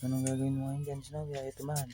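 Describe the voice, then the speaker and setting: A man chatting casually to his pet cat, teasing and coaxing her in a soft, low-key way. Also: completely flat delivery, quick pace, over music.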